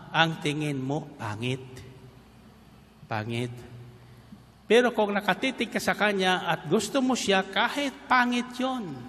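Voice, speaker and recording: Male preacher, slightly high voice, deliberate sermon delivery in a large echoing hall. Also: fairly bright tone. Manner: mixes Tagalog and English, calls for "Amen" responses. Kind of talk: sermon to a congregation. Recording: reverberant hall, faint background noise.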